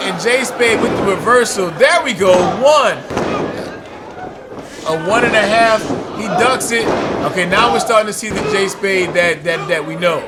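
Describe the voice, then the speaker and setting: A male wrestling commentator calls the action in a high-pitched voice, with dramatic exclamations and excited play-by-play. A loud crowd and heavy noise surround him throughout. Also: moderate pace.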